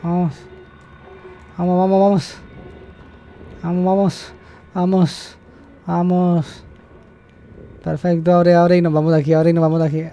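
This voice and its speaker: A young man giving let's-play commentary while he plays, excitable, repeating words in quick bursts and yelping when startled. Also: high-pitched, slight background noise. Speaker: gamer.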